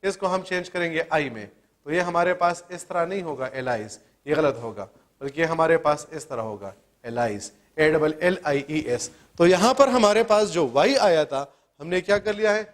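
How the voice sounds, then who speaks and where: High-voiced man teaching spelling rules. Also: lively intonation. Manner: asks questions then answers them, spells out letters. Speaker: English teacher. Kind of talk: classroom grammar lesson.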